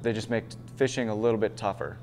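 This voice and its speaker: A man's voice: fairly low pitch, steady tone, fast, darkish tone. A middle-aged man, a shop owner, speaking casually with fillers in an interview inside his small shop. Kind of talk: interview soundbite. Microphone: lapel mic.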